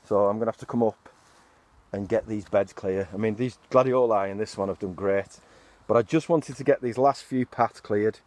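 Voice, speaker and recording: A man's voice: on the low side, normal speed, darkish tone. A middle-aged man talks his way around his garden plot in a loose, chatty style, dropping the odd mild swear word. He sounds a bit out of breath from the hard work. It is recorded outdoors on a phone. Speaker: allotment vlogger. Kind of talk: casual garden tour vlog. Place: outdoor allotment.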